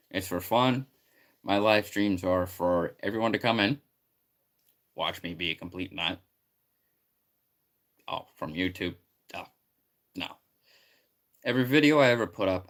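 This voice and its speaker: A man chatting casually on a live stream, rambling and excitable, greeting viewers loudly. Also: low-pitched.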